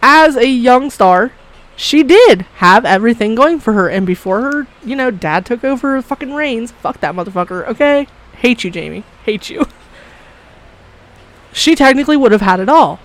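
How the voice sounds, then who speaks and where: A woman's voice: a little high, expressive, moderate pace, rough recording. A woman co-hosts a casual chat on a podcast. She talks bluntly and swears freely. She often breaks into laughter. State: coughing briefly. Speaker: podcast co-host.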